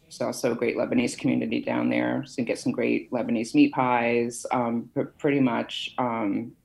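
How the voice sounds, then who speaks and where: A middle-aged woman from Massachusetts, USA, appears as a podcast guest and tells her career story in a chatty, conversational interview full of fillers. Her very deep voice is gravelly and a little mellow, with a level tone and normal speed. The audio is poor.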